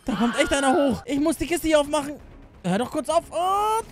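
A man's voice: very high voice, animated, brisk, over music. A young man giving hectic, jokey running commentary on his gameplay, often pleading with the game. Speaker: gaming YouTuber.

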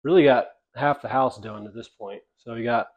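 A man narrating his home renovation work in a relaxed way, thinking aloud as he goes. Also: medium pitch, normal speed, muffled recording. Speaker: DIY renovation vlogger. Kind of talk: casual narration while working. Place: mobile home under renovation, indoors.

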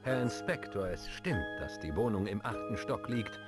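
An actor playing a courteous, composed gentleman professor in a video game, polite and thoughtful. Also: on the low side, lively intonation, normal speed, lightly acted. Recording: loud music under the voice.

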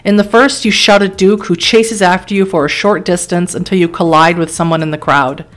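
Low-voiced woman streamer reading game text. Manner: steady storytelling read broken by quick surprised asides; laughs between lines and weighs choices aloud. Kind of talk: reading interactive horror fiction aloud with live commentary.

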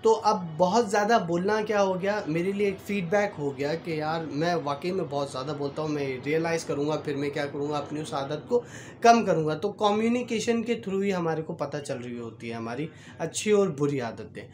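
A man teaching a lesson in a conversational way, pausing on fillers and acting out bits of quoted dialogue. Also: fairly high pitch, a little mellow, a little hiss or hum. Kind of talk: explanatory lesson.

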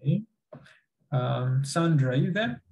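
A young man runs an online staff orientation over a video call. He explains things in a measured, repetitive way with many fillers, speaking from a small indoor room. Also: medium pitch, animated, vocal fry, a little mellow, rough recording. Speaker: meeting host.

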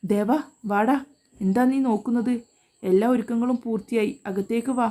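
A woman's voice: fairly high pitch, steady tone, normal speed, natural voice. A woman doing an angry domineering brother. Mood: stern. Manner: scolding, shouting commands. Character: furious older brother, harsh and domineering.

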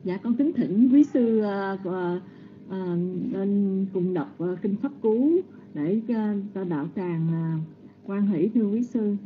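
A woman's voice: mid-range voice, slow, a little hiss or hum. A woman moderating a scripture session, politely inviting monks to recite and hesitating with frequent fillers. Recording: tinny phone-like call audio.

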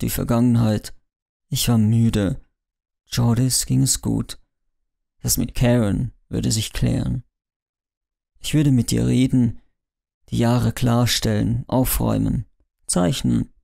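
A man's voice: mid-range voice, vocal fry, dark tone. A man narrating a first-person thriller audiobook in a brooding, introspective way.

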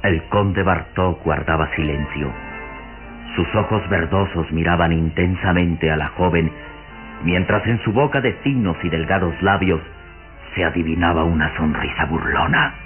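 In a low, unhurried voice, a man narrates a gothic radio serial with an ornate, solemn, suspenseful vintage flair. The recording sounds phone-like and old-time radio, with music playing underneath.

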